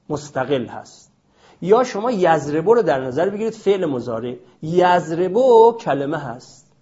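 A man teaching Arabic grammar in a classroom lecture, stressing key terms by repeating them slowly. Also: fairly high pitch, a little mellow, dull audio.

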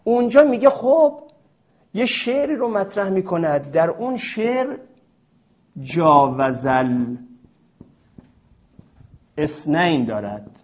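A man's voice: high-pitched, very animated, dark tone. A man teaching a class at a board, explaining a rule step by step and posing questions to his students. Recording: dull lo-fi recording.

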